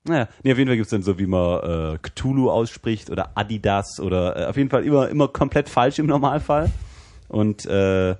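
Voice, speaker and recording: Low-voiced joking man, casual chat. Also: expressive, a little fast, few pauses, darkish tone, no echo. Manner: joking, loose, trails off mid-sentence. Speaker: podcast co-host.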